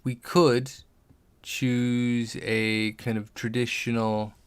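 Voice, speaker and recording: A man's voice: medium pitch, level tone, slow pace, clear, resonant tone. A man chatting casually on a live stream while building a tabletop game character, thinking aloud over names and details and answering viewers. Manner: chats back to viewers' comments.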